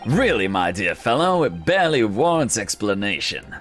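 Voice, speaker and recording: Guy doing a pompous show-off detective for a game, florid and theatrical, pitch swinging around. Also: sing-song, moderate pace, fairly bright tone, soft background music. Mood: smug, explaining. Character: grandiose, theatrical great male detective, self-satisfied. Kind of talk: playful voice acting of game dialogue.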